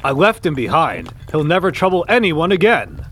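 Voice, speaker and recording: A man's voice: on the high side, very animated, moderate pace, fairly bright tone, slight background noise. A man playing an earnest, declamatory superhero team leader in an amateur radio play. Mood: solemn.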